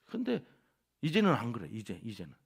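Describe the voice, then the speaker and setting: A man preaching a dawn prayer sermon in a church, with a Chungcheong Korean accent, dropping from loud exhortation to hushed whispered asides. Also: mid-range voice, wildly swooping pitch, brisk, creaky, slightly rough. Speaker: pastor. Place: church sanctuary.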